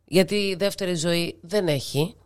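Female interviewee, middle-aged, Cypriot Greek accent. Clear, resonant, slightly low voice; talkative, informal delivery. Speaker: radio presenter being interviewed. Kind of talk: casual conversational interview talk.

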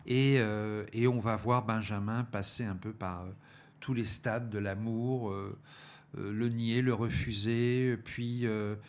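A man's voice: on the low side, steady tone, slow, slight background noise. A man reviewing DVDs on a talk show, speaking with many hesitations, fillers and restarts. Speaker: film reviewer presenting a DVD selection. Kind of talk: radio-style review chat.

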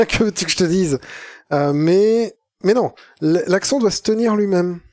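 A man's voice: sits high, measured pace, a little mellow, dry recording, clean studio sound. A young man co-hosting a casual podcast chat, rambling and playful with mock-philosophical asides. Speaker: podcast co-host.

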